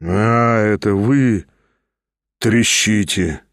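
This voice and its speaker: A man voicing a detached, brooding young nobleman who speaks slowly and firmly. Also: on the low side, gravelly, dry recording, clean studio sound, voice pushed down, heavily acted. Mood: dazed. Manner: slow, flat and firm.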